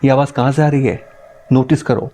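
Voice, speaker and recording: A male storyteller voicing a curious young friend who asks hurried questions. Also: mid-range voice, little pitch movement, dark tone, a little hiss or hum, close to an everyday voice. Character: curious young friend hearing strange sounds.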